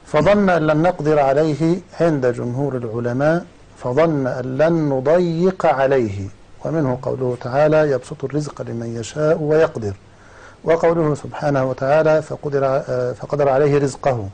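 Brief: measured male scholar guest, dark mellow tone, steady explanations. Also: medium pitch, rough recording. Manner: measured, cites scripture and scholars.

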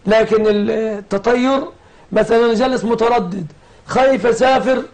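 A man hosting a religious lesson on air, leading the discussion and questioning his guest and callers briskly. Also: sits high, steady tone, a little mellow. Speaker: host and religious teacher.

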